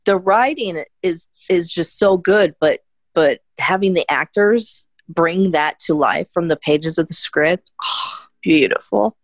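A woman's voice: on the low side, a little slow, dry recording. A woman chatting casually as an interview guest, effusive and gushing as she talks. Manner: gushing, effusive about films. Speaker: podcast guest, horror hostess.

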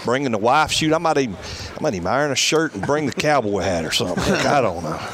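A man's voice: medium pitch, lively intonation, quick pace, a bit bright, a little hiss or hum. A man hosting sports radio in a folksy, playful, showy way. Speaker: radio show host.

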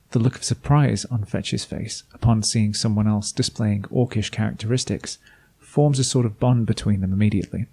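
Guy narrating his tabletop campaign recap, low husky mellow voice, dry jokes. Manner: dry, self-deprecating asides. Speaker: game master and podcast host.

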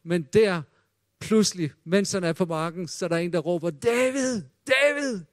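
A male preacher giving a sermon, retelling scripture dramatically and dropping to a hush for quoted voices. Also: sits high, steady tone, dry recording.

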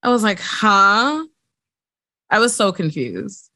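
A woman's voice: medium pitch, sing-song, takes it slowly, sharp tone, no echo. A young woman with a mid-range voice co-hosts a podcast, recorded close and dry. She chats casually and reacts with disbelief. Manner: chatty, incredulous storytelling. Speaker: podcast co-host. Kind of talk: casual chat.

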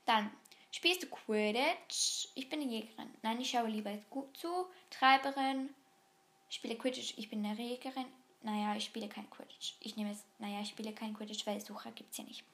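A woman with a slightly raised voice talks through an online quiz in a loose, casual way. She hesitates, restarts and fills pauses as she thinks aloud. When the text gets long she skims it with a quick murmur. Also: fairly high pitch, steady tone, fairly bright tone. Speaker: vlogger taking an online quiz. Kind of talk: casual chat reading quiz questions aloud.

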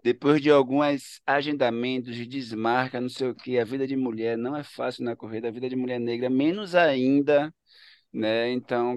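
A man with a Bahian Brazilian accent hosts a podcast, relaxed and jokey, laughing often. His voice has a middle pitch. The sound is dry and close. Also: no echo. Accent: Bahian Brazilian Portuguese. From Ilhéus, Bahia, Brazil. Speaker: podcast host. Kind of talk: casual podcast chat.

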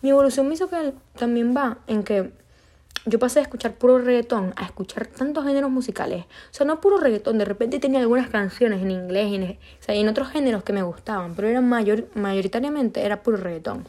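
Speaking fairly quickly in a fairly high voice with a dark tone, a young podcast host from Venezuela chats on her own show. Her Venezuelan Spanish accent comes through as she rambles, keeps restarting, and swears casually.

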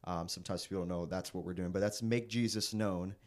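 A young man, a traveling evangelist, telling a story in a relaxed conversation and laughing as he goes. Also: low-pitched, a little fast. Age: young adult. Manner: animated storyteller, laughs at his own tale. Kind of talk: casual storytelling in a podcast conversation.

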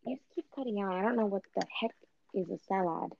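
A woman's voice: mid-range voice, fast, gravelly, slight background noise. Woman on a lo-fi call that keeps cutting out. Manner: loose, slangy, swearing banter. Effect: connection cutting out over a call. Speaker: podcast co-host. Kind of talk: casual chat.

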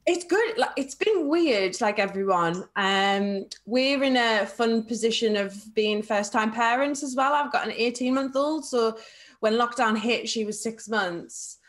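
A young woman, talking as a guest in a live online interview. Her voice sits a little on the high side, and she rambles cheerfully, with plenty of fillers and laughs. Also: unhurried. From Carlisle, England. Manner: chatty, laughs often, many fillers.

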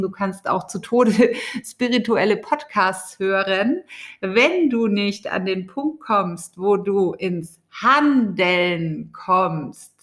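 Woman podcast host, unhurried, off the cuff, chatty spiritual coaching talk. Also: medium pitch. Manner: speaks off the cuff with fillers, warm direct address.

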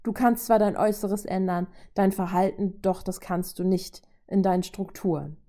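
A woman's voice: lowish voice, moderate pace, creaky, warm tone. A woman voicing a brave, earnest young heroine who speaks firmly and pleads with raised voice.

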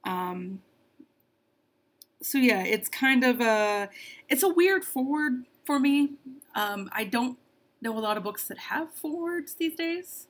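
A woman's voice: sits high, animated, slow pace. A woman co-hosting a casual book discussion podcast, making dry, sarcastic asides. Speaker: book club podcast co-host. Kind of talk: casual chat.

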